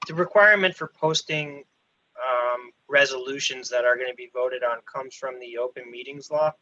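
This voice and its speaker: A man on a laggy video call, speaking in a measured, procedural way as an official advising a zoning board. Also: mid-range voice, bright, forceful tone. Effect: on a laggy video call, frozen video and broken-up audio. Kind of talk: formal public meeting talk. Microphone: computer mic on a video call. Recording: dull lo-fi video call audio.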